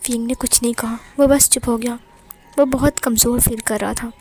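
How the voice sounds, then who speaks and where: A woman retelling fan fiction as a storyteller, in plain, steady narration. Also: on the high side, normal speed, slightly rough, faint music behind.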